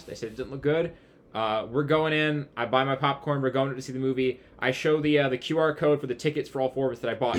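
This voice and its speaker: A man's voice: medium pitch, slight background noise. A man hosting a podcast, chatting casually and rambling with many fillers. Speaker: podcast host. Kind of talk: casual chat.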